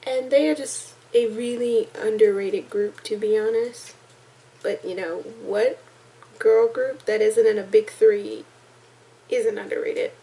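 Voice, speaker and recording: A woman's voice: on the high side, unhurried, gravelly, mellow, rough recording. A woman hosting a casual reaction vlog, chatty and rambling with self-deprecating asides. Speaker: reaction video host.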